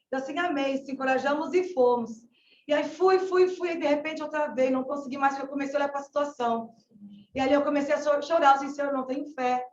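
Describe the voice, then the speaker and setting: A woman's voice: high-pitched, a little hiss or hum. A woman with a Gaúcho Brazilian accent, a missionary colporteur, giving a fervent, exclamatory religious testimony. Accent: Gaúcho Brazilian Portuguese. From southern Brazil. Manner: fervent, exclamatory, often calling out to the Lord. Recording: echoey, distant, dull-sounding room recording.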